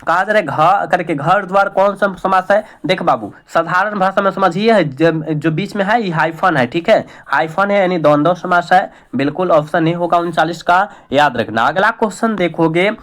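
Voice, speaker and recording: A man's voice: sits high, moderate pace, hardly any pauses, a bit bright. A man with a Bihari accent running an exam revision lesson, repeating each question and coaxing his students along as a teacher.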